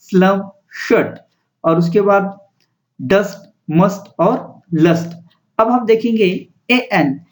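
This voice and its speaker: Slow, deliberate male teacher. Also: sits high, a little mellow, rough recording. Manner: spells words letter by letter, then sounds them out; slow, deliberate word lists for repetition. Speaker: English teacher. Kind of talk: spoken lesson.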